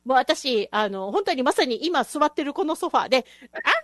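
A woman's voice: high-pitched, expressive, brisk, no echo, studio quality. A woman hosting a casual chat show, talking enthusiastically and laughing often. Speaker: host.

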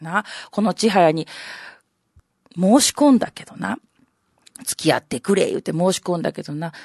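A woman's voice: on the low side, normal speed, vocal fry, darkish tone, slightly rough, dry recording, clean studio sound, voice pushed down. A woman with a Kansai accent voicing a condescending older know-it-all in rakugo, bluffing his way through a story. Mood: storytelling.

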